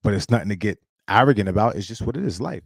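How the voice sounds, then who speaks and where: A man's voice: lowish voice, animated, racing, gravelly, husky, no room sound. A man in his late thirties hosting a live stream, giving casual life advice in a blunt, emphatic, preachy way and swearing freely. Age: 30s.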